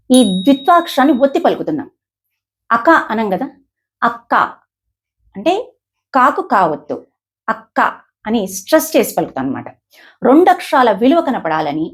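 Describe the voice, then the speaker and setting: Husky-voiced woman teaching pronunciation. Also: on the high side. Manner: slow, deliberate, demonstrates sounds with stressed examples. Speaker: advocate teaching shloka pronunciation. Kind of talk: explanatory lesson.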